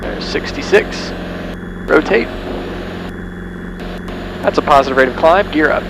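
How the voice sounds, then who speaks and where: A male pilot with a slightly high, animated voice works through his preflight checks aloud at a somewhat slow pace. His phrases are short and businesslike, and engine noise from the small plane's cockpit runs underneath.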